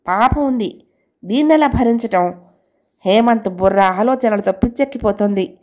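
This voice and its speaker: A woman storyteller giving steady, expressive scripted narration of a novel. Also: mid-range voice.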